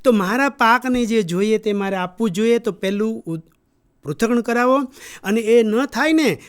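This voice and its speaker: Man, high voice, training lecture, storytelling, rhetorical questions. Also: normal speed, clear, resonant tone. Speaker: agriculture trainer. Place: training hall.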